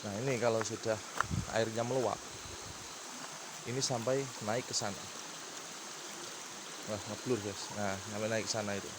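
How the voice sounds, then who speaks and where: A young man from Indonesia, talking haltingly and casually as he guides a night exploration vlog, often repeating words. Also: fairly low pitch, fairly even intonation. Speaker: vlogger, local guide. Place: outdoors at night beside a rural river. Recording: noisy outdoor recording with insects and stream. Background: crickets, insects, running stream.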